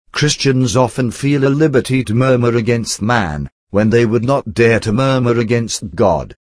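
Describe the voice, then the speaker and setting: A man giving a scripted devotional reading, delivering scripture in a measured, solemn way. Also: medium pitch, darkish tone, no echo. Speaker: narrator.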